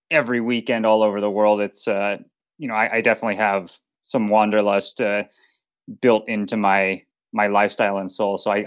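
A man from Colorado, a professional cyclist, chatting as a podcast guest in an easygoing way with frequent fillers. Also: fairly low pitch. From Colorado, United States. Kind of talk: casual interview chat.

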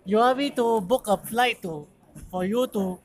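A woman's voice: on the high side, unhurried. A Singaporean woman in casual, teasing banter, using Singlish particles and tag questions amid busy chatter.

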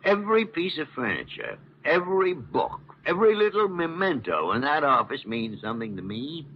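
An actor playing a gruff, sardonic older male hospital doctor set in his ways, in 1950s radio drama style. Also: a little high, very animated, normal speed. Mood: fond. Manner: grumbling, sardonic. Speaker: senior doctor. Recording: dull old radio broadcast with faint hiss.

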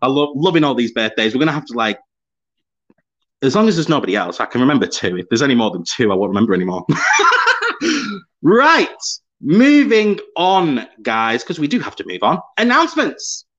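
A British podcast host is live-streaming, reading out viewer comments in an upbeat, chatty way and laughing often. His voice sits at a medium pitch with big swings, moving at a quick pace with a fairly bright tone. The audio has a slightly dull, lo-fi quality.

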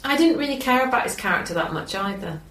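A woman's voice: a little high, expressive, fast talker, a bit bright, echoey room, distant mic. A young woman who is a guest on a podcast, answering briefly and with some hesitation in a casual film chat.

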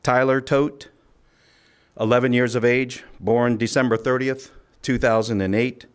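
A county sheriff at a press conference delivers a formal statement in a measured, official, occasionally halting way. His mid-range voice has fairly even intonation and a clear, resonant tone.

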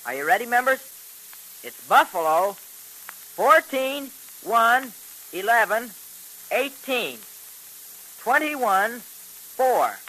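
A man's voice: extremely high pitch, big pitch swings, extremely slow, long pauses, bright, forceful tone, full character voice, rough recording. A male performer playing an eager, gee-whiz American boy sidekick in an old radio serial, on a hissy recording. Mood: eager, earnest. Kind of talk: 1940s radio serial acting.

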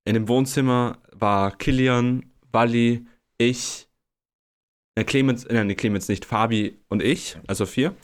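A man's voice: mid-range voice, unhurried, clear, resonant tone. A young man, co-hosting a podcast, telling a story casually and acting out the voices of other people with lots of laughter. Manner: animated, acts out quotes, laughs a lot. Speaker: podcast co-host.

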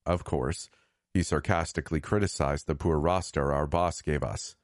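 Deep-voiced man reading a grim story. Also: fairly even intonation, normal speed, dry recording, clean studio sound. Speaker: storyteller narrator. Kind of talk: scripted first-person horror narration.

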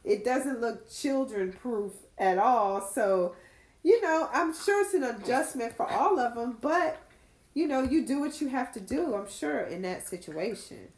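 A woman's voice: fairly high pitch, animated, measured pace. A woman chatting casually as a podcast co-host, hesitant and thinking aloud with lots of fillers. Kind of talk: casual chat about a reality show. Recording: echoey room.

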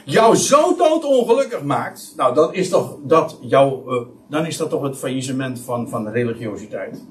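A man of medium pitch and normal speed preaches a Bible-teaching sermon, animated and emphatic, with many restarts. His voice sounds somewhat distant from the mic.

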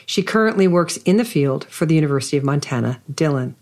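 A woman's voice: low-pitched, animated, fast, darkish tone. A woman hosting an author interview, reading a prepared introduction and then asking effusive, admiring questions. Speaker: podcast host interviewing an author.

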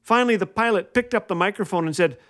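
Speaking fast in a high-pitched, slightly bright voice, this radio host delivers a scripted comedic storytelling monologue on his humorous inspirational show. He's wry and playful and acts out the quoted lines.

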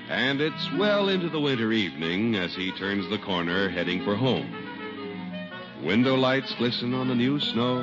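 An American man working as an old radio announcer, reading scripted sponsor messages and story introductions on a vintage broadcast. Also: lowish voice. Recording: dull vintage radio recording with music.

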